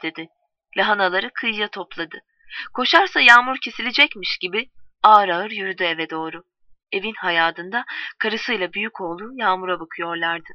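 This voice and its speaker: Female storyteller, measured read, dry and distant on a dull recording. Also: mid-range voice, no echo. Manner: calm measured reading, voicing quoted lines. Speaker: narrator. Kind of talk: storybook narration.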